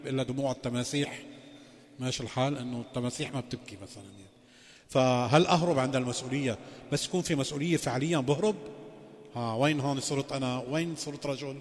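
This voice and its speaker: Sheikh lecturing in an echoing hall. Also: male voice, mid-range voice. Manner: poses rhetorical questions, mixing formal phrasing with colloquial asides. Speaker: sheikh giving a lecture course. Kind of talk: religious lecture. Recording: long reverberant hall.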